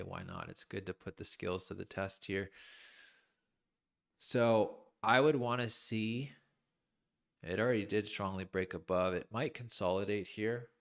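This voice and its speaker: This crypto streamer's voice is deep and gravelly as he works through live chart analysis, musing informally in broken fragments. He's losing his voice and clears his throat along the way.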